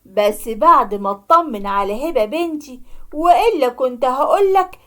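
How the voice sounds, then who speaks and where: A woman voicing a scheming middle-aged uncle in a cartoon story, smooth-talking, with an Egyptian accent. The voice stays high. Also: lively intonation, moderate pace, a bit bright. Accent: Egyptian Arabic.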